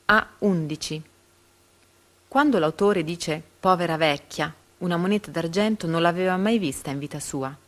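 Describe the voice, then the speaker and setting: A woman with a fairly low, fairly bright voice reads aloud reading-comprehension quiz questions and their answer choices, pausing carefully after each letter.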